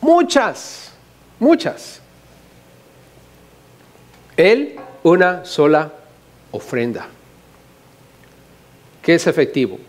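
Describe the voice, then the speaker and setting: Brief: Mexican male pastor, fairly high voice, lively and joking, firing rhetorical questions at the pews. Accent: Mexican Spanish. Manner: animated, humorous, asks the congregation many questions. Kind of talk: sermon.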